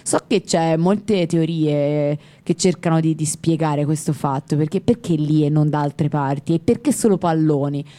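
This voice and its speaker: A woman's voice: sits low, normal speed, hardly any pauses, mellow. A woman co-hosting a music radio show, chatting casually and wandering off on tangents. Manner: chatty, digressive, laughs easily. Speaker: radio co-host.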